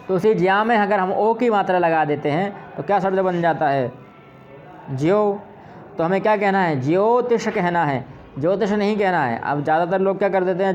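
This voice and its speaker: A man teaching pronunciation who repeats words slowly and patiently, often asking questions and answering them himself. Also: high voice, darkish tone, dull audio, slight background noise. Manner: asks and answers his own questions. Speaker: Sanskrit teacher. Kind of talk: pronunciation lesson.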